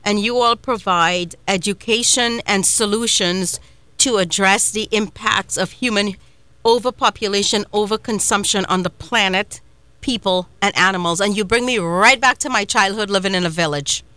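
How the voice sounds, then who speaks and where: Bright, lively woman host from Trinidad. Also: medium pitch, normal speed, no echo. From Trinidad and Tobago. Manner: animated, laughing, storytelling. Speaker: show host. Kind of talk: casual interview chat.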